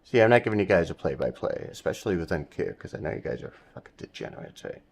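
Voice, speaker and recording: A man's voice: low-pitched, sing-song, quick pace, creaky, darkish tone. A man hosting a live day trading stream with casual, rambling commentary, muttering to himself and swearing bluntly. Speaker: day trading livestream host.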